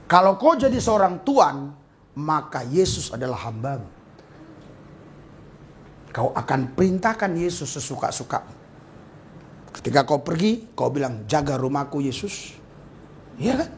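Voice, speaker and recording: High-voiced man preaching a dramatic sermon. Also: slight background noise. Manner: dramatic preaching with acted-out dialogue and shouts. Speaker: pastor.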